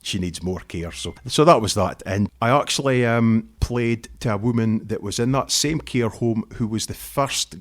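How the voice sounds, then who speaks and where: A man with a northeast Scottish accent, talking at length as a guest in a relaxed interview and dropping in Scots words. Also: fairly low pitch, normal speed, few pauses. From northeast Scotland. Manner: relaxed, talkative, uses Scots words like wee and aye. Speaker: guest musician. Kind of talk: casual interview chat.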